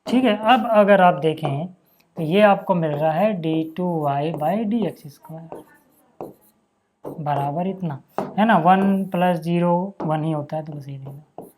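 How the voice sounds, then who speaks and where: A man's voice: a little high, measured pace, a little mellow, slight background noise. A man teaching a math lesson in a casual, step-by-step way, talking to his students as "brother" and checking in often to see if they follow. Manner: chatty, keeps checking in with "है ना" and "यार"; talks to students as "भैया" and "भाई".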